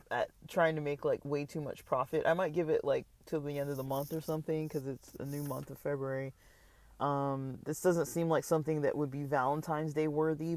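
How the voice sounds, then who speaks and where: A tired man rambling casually through a vlog update about his online store, with lots of fillers and restarts. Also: fairly high pitch. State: tired, yawning. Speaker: online seller vlogger.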